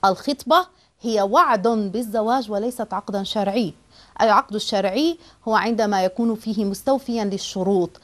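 A woman's voice: medium pitch, brisk. A woman teaching a religious lesson. She explains in an earnest way and often restarts a phrase.

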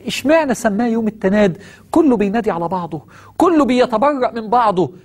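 A man's voice: high voice, animated, fast. A man with an Egyptian accent preaching on Quranic verses, firing rhetorical questions at his listeners.

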